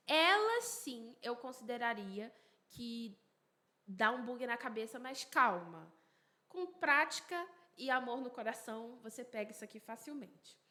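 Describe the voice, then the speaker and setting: Bright-voiced woman teaching English grammar. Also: a little high. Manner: explains slowly and repeats examples, asks herself questions aloud. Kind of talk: bilingual grammar lesson.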